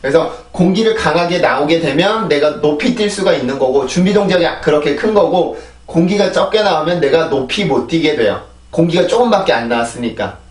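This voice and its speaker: Male pronunciation teacher, slightly high voice, patient drills, echoey room. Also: far from the mic. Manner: explains patiently, repeats words in drills, asks "right?" often. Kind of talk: online lesson. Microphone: camera-mounted shotgun mic on a phone. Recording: echoey room, voice a bit off-mic.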